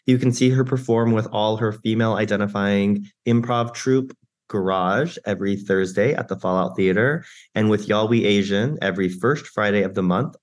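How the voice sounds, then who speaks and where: Man, podcast host, lowish voice, relaxed, casual, reads the intro. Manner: relaxed, filler-heavy, reads the intro a little slowly. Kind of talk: casual interview hosting and reading a bio.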